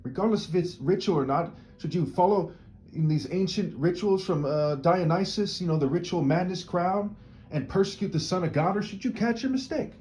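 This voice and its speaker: Mellow-voiced man in a rambling monologue. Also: high voice, moderate pace. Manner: rhetorical, checks in with frequent "right?" tags; discursive, repeats words while restarting sentences. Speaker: video commentator. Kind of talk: opinionated solo monologue.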